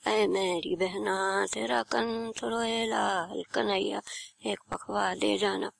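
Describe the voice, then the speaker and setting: An older woman voicing a young brother who cries out to his sister in a slow, sing-song plea. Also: mid-range voice, steady tone, creaky, dry recording. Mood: pleading.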